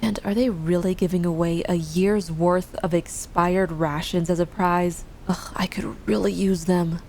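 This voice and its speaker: A woman plays a scrappy merchant with casual, blunt talk. Her voice sits on the low side, with a faint rumble in the background. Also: fairly even intonation, unhurried, darkish tone.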